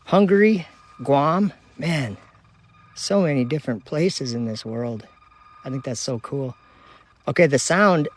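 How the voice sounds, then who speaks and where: A man with a mid-range voice speaks a little slowly and pauses often while hosting a casual livestream outside at night. The Minnesota host works his telescope and reads out viewer comments and locations one after another in a relaxed, chatty way.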